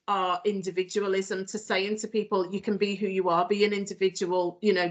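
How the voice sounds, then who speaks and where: Liverpool woman giving an online training talk, earnest, lots of ums, mid pitch. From Northwest England. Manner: earnest, conversational with frequent ums. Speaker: anti-racism trainer.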